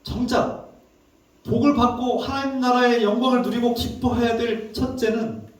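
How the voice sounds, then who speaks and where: A man preaching from the pulpit in a cavernous church sanctuary, his slightly high voice ringing off the walls. He drives his points home with rhetorical questions and repetition. The mic sits some way off, so the sound comes through distant and washed in echo. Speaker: pastor. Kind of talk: sermon. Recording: very echoey hall, distant mic.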